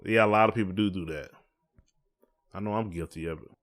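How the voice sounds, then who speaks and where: This podcast co-host has a low voice and talks fairly quickly. He chats casually in a folksy, meandering style, often repeating himself.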